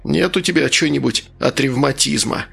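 A man voicing a crude, cynical little man who speaks in a slow, mocking, unhurried way. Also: mid-range voice, vocal fry, a bit bright, husky, faint music behind, exaggerated voice. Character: crude, cynical small man with back pain.

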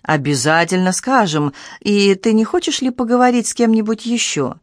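A woman's voice: mid-range voice, moderate pace, no room sound, studio quality, voice pushed up, natural voice. A woman doing a commanding séance medium. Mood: solemn. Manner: insistent, commanding.

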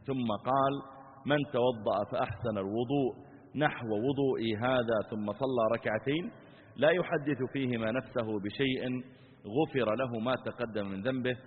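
A man's voice: mid-range voice, breathy edge. A man giving a religious lesson as a sheikh, explaining step by step and acting out people's questions. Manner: explanatory, acts out questioners, repeats phrases. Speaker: sheikh teaching hadith. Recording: tinny phone-like sound in a reverberant hall.

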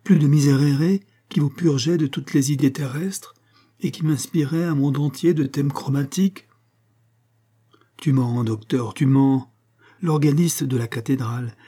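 A man voicing an aging male chapel master, excitable and theatrical, swinging between pleading and outrage. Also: medium pitch, breathy edge, natural voice. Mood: despairing, then defiant. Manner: anguished, pleading outbursts.

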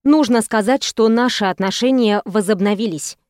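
A woman narrating an audiobook in the first person with a steady, expressive reading. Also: mid-range voice, normal speed, dry recording, clean studio sound.

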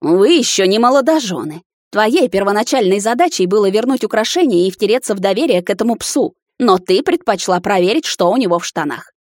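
A woman's voice: medium pitch, lively intonation, a little fast, few pauses, dry recording, clean studio sound, pitched above the performer's own voice, lightly acted. A woman voicing a furious, imperious middle-aged witch mother in an audiobook, harsh and scolding. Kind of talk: audiobook character voice.

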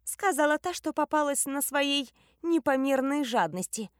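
A woman's voice: high-pitched, expressive, brisk, dry recording, clean studio sound, pitched above the performer's own voice. A woman voicing a small, jealous, spiteful young woman from a sect, hissing and snapping in an audiobook. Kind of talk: audiobook character voice.

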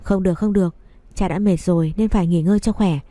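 A woman's voice: on the low side, fairly even intonation, fast, mellow, no echo, lightly acted. A woman voicing a sweet, considerate little daughter in a read-aloud story. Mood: caring. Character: small affectionate understanding daughter.

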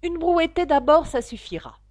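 Shrill bossy rabbit guy yelling orders , woman doing it, dry close sound. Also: sing-song, moderate pace, dry recording. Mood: ordering. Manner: shrill urgent shouting.

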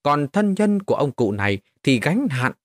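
A man voicing a calm, self-assured young man with occult powers in an audio storybook. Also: a little high, moderate pace, dry recording, clean studio sound.

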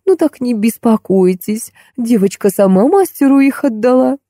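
A woman's voice: a little high, expressive, normal speed, dark tone, dry recording, clean studio sound, pitched above the performer's own voice, natural voice. A woman voicing a fussy, soothing older nanny in an audiobook. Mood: matter-of-fact. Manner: fussing, soothing.

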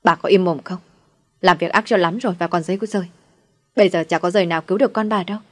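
A woman voicing a young daughter-in-law who snaps loud, quick orders. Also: on the low side, fairly even intonation, soft background music, close to an everyday voice. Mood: angry. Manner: barked orders.

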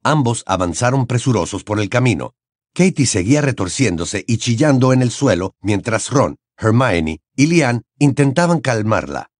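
A man reading a fantasy novel aloud as an expressive audiobook narrator. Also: mid-range voice, normal speed, no echo, clean studio sound. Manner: expressive storytelling with wide intonation. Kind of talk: scripted narration.

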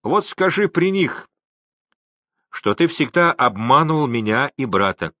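A man's voice: medium pitch, big pitch swings, a little slow, a bit bright, no room sound, studio quality, voice pushed up. A man reading an audiobook voices a stubborn young native man who bluntly demands justice. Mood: stern.

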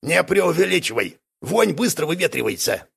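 A man voicing a scheming, boastful male crook in an audiobook, with a raspy voice and an unflappable, smug manner. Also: fairly high pitch, sing-song, moderate pace, fairly bright tone, pitched above the performer's own voice, heavily acted. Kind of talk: audiobook character voice.

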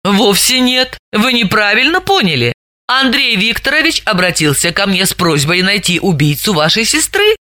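A woman's voice: mid-range voice, sing-song, normal speed, sharp tone, no room sound, studio quality. A woman voicing a composed, courteous female psychoanalyst with a coolly ironic, mocking politeness.

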